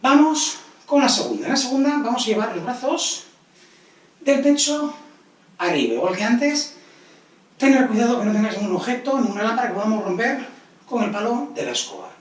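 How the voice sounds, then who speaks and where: A man's voice: extremely high pitch, big pitch swings. Man counting reps in a very echoey room. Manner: counts repetitions aloud and gives brisk encouraging cues. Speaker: fitness instructor. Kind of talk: guided exercise class. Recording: very echoey room, voice distant from mic.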